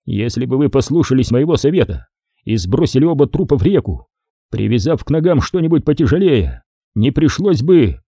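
A man's voice: mid-range voice, big pitch swings, moderate pace, warm tone, breathy edge, no echo, studio quality. A man reading an audiobook voices a crude, impatient gangster who swears and bellows his lines. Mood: angry. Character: hot-tempered crooked gangster, adult man, crude and impatient.

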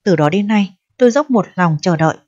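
In this storybook reading, a woman takes on the part of a pregnant eighteen-year-old girl, proud yet distressed, whose pleading reproach turns shrill as she gets upset. Her delivery is animated and a little fast, slightly mellow and close to how she'd normally talk, recorded dull and dry without echo.

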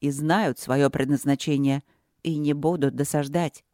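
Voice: medium pitch, steady tone, unhurried, darkish tone, no echo, studio quality, close to an everyday voice. A reader voicing an arrogant, curt young novice in an audiobook, speaking with scorn. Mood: scornful. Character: haughty, curt young novice monk, man. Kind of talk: audiobook character voice.

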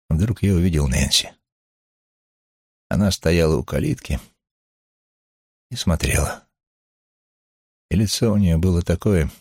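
Deep, husky male audiobook narrator. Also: no echo, clean studio sound. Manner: expressive storytelling reading. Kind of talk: first-person scripted narration.

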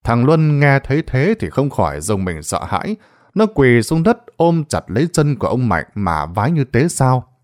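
A man's voice: medium pitch, big pitch swings, normal speed. Dramatic male ghost story narrator.

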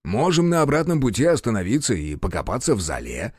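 A man's voice: fairly low pitch, huge pitch swings, a little fast, darkish tone, husky, dry recording, studio quality, full character voice. A man voicing a wry, easygoing male vampire who banters in a mocking tone.

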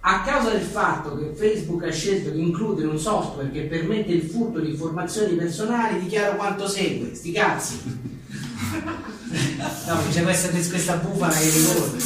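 At a live book presentation, an author with a somewhat high voice reads short jokes and chats informally with the audience. He talks colloquially and irreverently about his writing. The venue sounds echoey, with a distant mic and faint noise.

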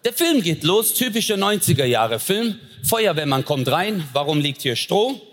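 Man telling a stand-up story, slightly high voice. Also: very animated, normal speed, fairly bright tone, slight background noise. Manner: acts out voices of family and objects. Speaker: stand-up comedian.

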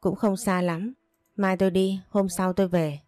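A woman doing a calm, reserved man. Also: mid-range voice, moderate pace, no echo, natural voice.

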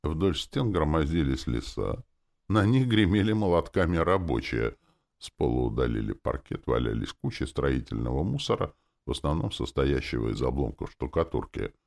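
A man reading a first-person fantasy audiobook with expressive delivery. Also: extremely low pitch, normal speed, creaky. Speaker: audiobook narrator.

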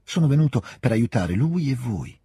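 A man reading aloud, voicing a smooth, scheming older nobleman who coaxes in a soft, hushed way. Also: mid-range voice, sing-song, moderate pace, dry recording, clean studio sound, pitched above the performer's own voice. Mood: coaxing. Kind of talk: audiobook reading.

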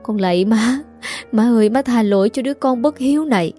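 Narrator doing a weeping young daughter begging her mother, higher voice, dark tone. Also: a little fast, faint music behind, close to an everyday voice. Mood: tearful pleading. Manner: pleading, tearful sobbing delivery. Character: young woman, remorseful runaway daughter begging forgiveness.

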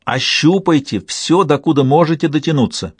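A man's voice: on the high side, expressive, normal speed, slightly rough, no room sound, studio quality, pitched above the performer's own voice. A man reading an audiobook and voicing a bossy, cold woman leader who snaps out orders. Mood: commanding. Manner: snapping, domineering orders.

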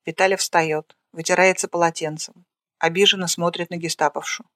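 A narrator reading the stage directions of a screenplay aloud in a plain, flat way. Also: mid-range voice, normal speed, no room sound, studio quality.

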